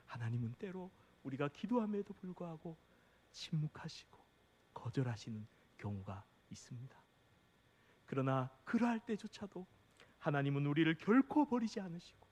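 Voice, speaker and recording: A man preaching a sermon as pastor, impassioned, swinging between hushed, near-whispered passages and loud, urgent calls. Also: sits high, long reverb tail.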